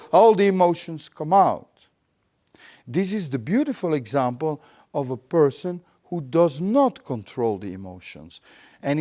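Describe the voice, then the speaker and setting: A man with a Belgian Dutch accent who is not a native English speaker, giving a live lecture and acting out his examples theatrically. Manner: theatrical, acts out examples with big swings in pitch and loudness.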